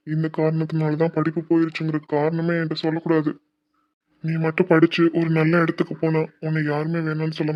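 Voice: medium pitch, dull audio, close to an everyday voice. A voice actor playing an earnest middle-aged father in a cartoon, lecturing his son about marriage and studies.

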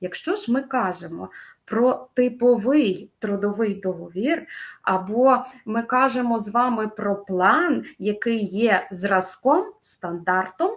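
A middle-aged woman teaching a language lesson, going over a grammar test, patient and explanatory, slowly stressing each key word. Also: medium pitch.

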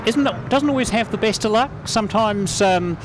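A man's voice: high voice, moderate pace. A man with a New Zealand accent doing conversational speedway commentary. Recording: loud track and vehicle noise behind.

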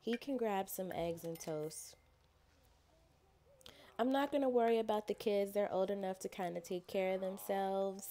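A chatty woman talks through her life-sim gameplay in a relaxed, playful way. Her voice sounds mellow and warm, and she sometimes slips into her characters' thoughts as she plays. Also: medium pitch, normal speed. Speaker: gameplay narrator. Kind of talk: casual let's-play commentary.

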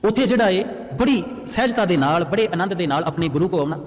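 Man, earnest sermon, quick delivery, reverberant hall. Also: high-pitched, expressive. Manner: earnest, exhorting, asks rhetorical questions. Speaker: Sikh preacher. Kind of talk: katha sermon.

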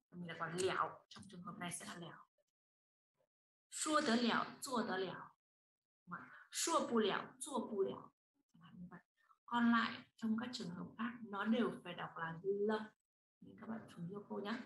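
A woman's voice: mid-range voice, vocal fry, a bit bright. A woman teaching a language class, patiently explaining grammar and calling on students. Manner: explains patiently, asks students to read and answer. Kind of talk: online class instruction. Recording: roomy echo, faint noise.

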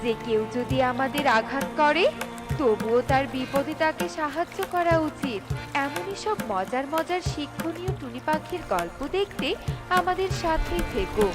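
A woman's voice: high voice, expressive, moderate pace. A woman storyteller reading scripted narration for a children's cartoon tale. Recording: music under the voice.

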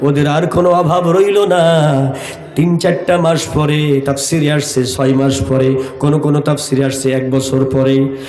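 A male preacher from Bangladesh with a Bangladeshi Bengali accent, telling a story in a sermon and rousing the crowd to answer him loudly. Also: a little high, steady tone, moderate pace. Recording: echoey venue.

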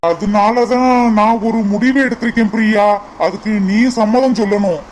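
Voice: mid-range voice, steady tone, moderate pace, very noisy, close to an everyday voice. A voice actor doing an earnest young lover. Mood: earnest pleading. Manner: coaxing, keeps repeating her name. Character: earnest young man urging his sweetheart. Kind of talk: cartoon voice acting.

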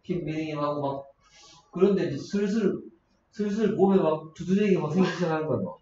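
A man's voice: on the high side, fairly quick, mellow, a little hiss or hum. A man teaching English to a class, telling a playful story and often checking in with the students. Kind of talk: classroom lecture with a joking story. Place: echoey classroom. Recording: echoey, distant, dull lo-fi classroom recording.

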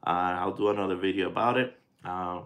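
Guy in his 40s doing a laid out casual livestream chat, low creaky voice, kinda halting. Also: steady tone, fairly bright tone. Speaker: pipe tobacco vlogger and live stream host. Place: small indoor room at home.

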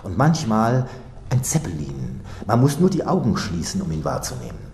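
A man, an author, gives an expressive reading of his own fiction with deliberate phrasing, live in a literature house hall. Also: fairly low pitch, a little hiss or hum.

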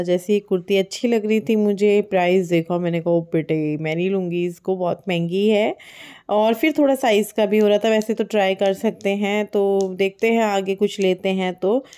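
A woman in her thirties talks casually through a family vlog in a homely, chatty way. Her pitch sits in the middle range. She speaks into a phone held at arm's length. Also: mellow, clean tone. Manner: chatty, homely commentary on prices. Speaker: family vlogger. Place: busy indoor shopping mall.

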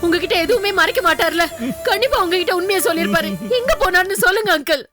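A woman's voice: very high voice, quick pace, music in the background. An actress playing a young woman pleading tearfully for news of her missing father. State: crying. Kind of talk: Tamil TV serial acting.

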